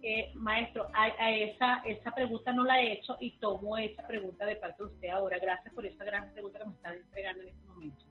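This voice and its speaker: Fast-talking Venezuelan woman on a phone line. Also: mid-range voice, little pitch movement, soft background music. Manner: fast, hesitant with many fillers and restarts. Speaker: guest therapist. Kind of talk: remote interview.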